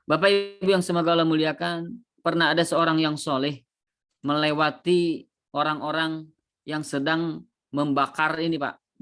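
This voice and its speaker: A man giving a sermon who addresses his listeners directly, often exclaims in praise, and pauses to search for words. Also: fairly high pitch. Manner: repeats religious exclamations and addresses the audience directly. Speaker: Islamic preacher.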